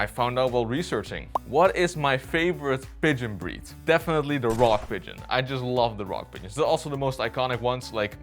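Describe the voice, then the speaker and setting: A man in his twenties from Bolivia answering viewer questions in a casual, unscripted chat from his bedroom, slangy, with lots of "like" and the odd swear word. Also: mid-range voice. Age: 20s. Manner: laid-back slangy chat with frequent "like" fillers and swearing.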